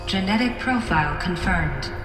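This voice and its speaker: A woman's voice: on the low side, animated, normal speed, close to an everyday voice. A woman voicing a malfunctioning female security computer that makes clipped, formal system announcements and keeps glitching. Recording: echoey hall with game music behind.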